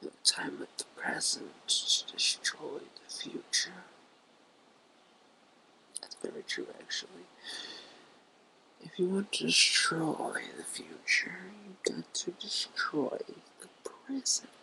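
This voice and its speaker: A drunk person rambling through a brooding rant to camera in a halting, whispery rasp, close to the phone. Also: medium pitch, huge pitch swings, sharp tone, poor audio. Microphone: phone held very close to the mouth.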